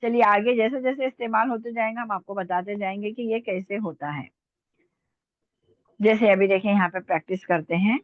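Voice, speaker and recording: Lady teacher going over letters slow and patient, tinny dry phone-ish audio. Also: medium pitch, no echo. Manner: patient, repeats sounds slowly, checks with "है ना?". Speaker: Urdu teacher. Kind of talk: online language lesson.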